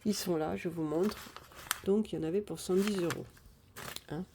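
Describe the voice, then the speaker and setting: A woman chatting casually live on a phone camera, thinking out loud as she sorts and counts cash. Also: fairly low pitch, normal speed, background noise. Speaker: budgeting vlogger.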